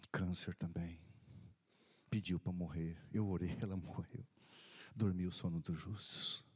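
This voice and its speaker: A man's voice: low voice, a little mellow. A man, a pastor, telling a deathbed story in a sermon, acting out the dialogue and dropping to a whisper at times. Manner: retells dialogue, drops to whispers and rises in bursts.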